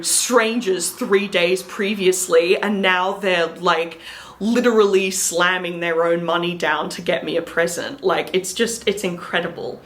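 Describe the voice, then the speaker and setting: A woman's voice: fairly low pitch, a bit bright, rough recording. A young woman vlogger telling a story to camera in a casual, rambling, earnest way, full of ums and likes.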